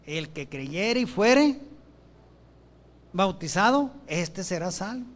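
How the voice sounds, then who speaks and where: In a church with benches, a man preaches a sermon into a handheld or stand microphone, his voice high for a man. He reads scripture verses aloud and asks the congregation questions he then answers himself.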